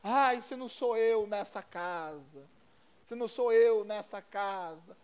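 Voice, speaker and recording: A woman's voice: mid-range voice, slow pace, darkish tone, clear, resonant tone, pitched below the performer's own voice, lightly acted. A male preacher imitating a complaining housewife who says she does everything at home, with whiny sighs. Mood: self-pitying. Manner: whiny, self-pitying sighs.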